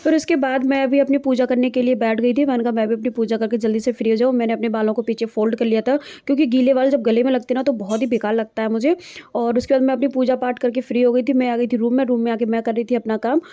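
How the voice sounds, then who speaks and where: A woman's voice: fairly high pitch, flat delivery, quick pace, mellow. A young woman narrating her day in a chatty, diary-like home vlog. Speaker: vlogger.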